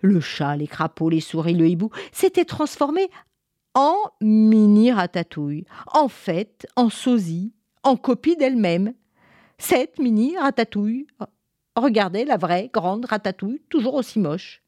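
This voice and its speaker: Lively woman reading a children's tale. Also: medium pitch, a little slow, no echo, studio quality. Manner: lively, expressive, playful asides. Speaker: storyteller.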